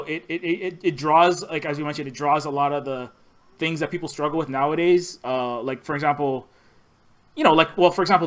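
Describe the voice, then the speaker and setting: A podcast host from Hawaii talks in a loose, rambling way, circling back and restarting his sentences often. His voice sits a little high for a man. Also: fairly bright tone. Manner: rambling, halting, many restarts. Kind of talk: casual podcast chat.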